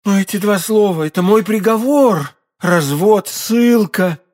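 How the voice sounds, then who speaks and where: A man's voice: sits high, measured pace, a little mellow, voice pushed up. A man reading an audiobook, voicing a frightened proud queen with anxious, pleading outbursts.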